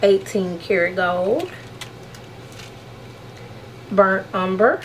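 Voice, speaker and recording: A woman's voice: mid-range voice, very slow, rough recording. A woman vlogger talks through a makeup unboxing in an easy, casual way. She is frank and slangy and keeps calling her viewers "honey". A faint hiss of room noise sits under her voice. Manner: chatty, calls viewers "honey". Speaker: beauty vlogger.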